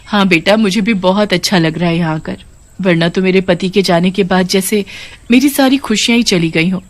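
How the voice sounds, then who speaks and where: An anguished, motherly witch ghost in a cartoon story, as a woman reader puts her on. She pleads in an emotional, middle-pitched voice. The sound is dry and close to the mic. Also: normal speed, no echo, lightly acted. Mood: tender.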